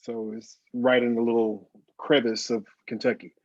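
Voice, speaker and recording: A man's voice: mid-range voice, flat delivery, moderate pace, a little mellow, no room sound. A man in his forties with a slight lisp, telling his story as a guest on a video call. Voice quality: slight lisp from dental aligners. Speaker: graphic designer, guest. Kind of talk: casual interview over video call. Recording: dull video call audio.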